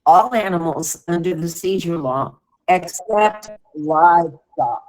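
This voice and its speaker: A woman's voice: lowish voice, takes it slowly. Woman on a distant speakerphone. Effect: distant voice over a speakerphone. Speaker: caller. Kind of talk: casual chat. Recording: far-off cutting-out phone line.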